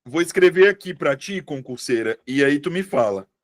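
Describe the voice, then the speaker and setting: A male exam-prep teacher runs a live online class, his voice a little high for a man and his tone chatty and informal. He speaks at normal speed with lively intonation and checks in with viewers often.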